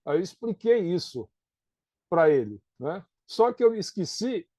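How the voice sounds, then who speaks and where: Higher-voiced Brazilian man explaining. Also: very animated, measured pace, mellow, no room sound. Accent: Brazilian Portuguese. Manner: conversational, tags points with "né?" and "tá?". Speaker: professor being interviewed. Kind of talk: explanatory interview talk.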